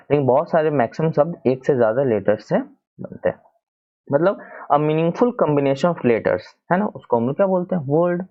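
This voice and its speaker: A man teaching English grammar from slides in Hindi, with a Hindi accent. He explains step by step, often checking in with "है ना" and spelling words out slowly. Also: mid-range voice, lo-fi sound.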